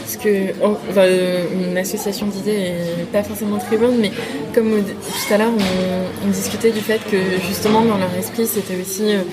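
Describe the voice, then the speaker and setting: A woman's voice: mid-range voice, level tone, moderate pace, a loud crowd. A woman hosting a podcast interview, searching for her words and using many fillers. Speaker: podcast host. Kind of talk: casual interview.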